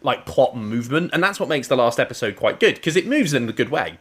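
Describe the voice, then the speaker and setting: Lively, chatty man. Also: medium pitch, fast, breathy edge. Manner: lively, chatty, laughs easily. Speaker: podcast co-host. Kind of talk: casual review chat.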